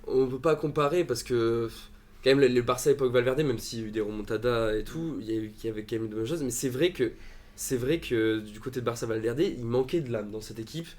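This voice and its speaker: A man's voice: mid-range voice, fast, a little mellow. A man chatting as a football pundit on a live stream, hesitant with many fillers and restarts. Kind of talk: casual live-stream discussion.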